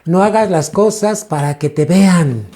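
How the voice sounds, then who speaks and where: Slow, mellow-voiced pastor preaching. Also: male voice, sits high. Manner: preaching with questions to the congregation, drawn-out emphasis. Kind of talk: sermon teaching.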